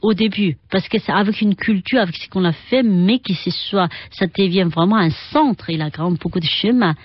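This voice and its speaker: A middle-aged woman from China, with a Chinese accent, speaking as an interview guest who often pauses and searches for words. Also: medium pitch, husky, no room sound, highs cut off. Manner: halting, searching for words with many fillers. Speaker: guest, Qigong and Tai Chi teacher. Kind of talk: radio interview.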